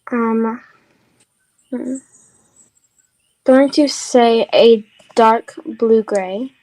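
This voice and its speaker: Slow, thoughtful woman player. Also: on the high side, a little mellow, rough recording. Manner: thoughtful, descriptive. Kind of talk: playing a tabletop game.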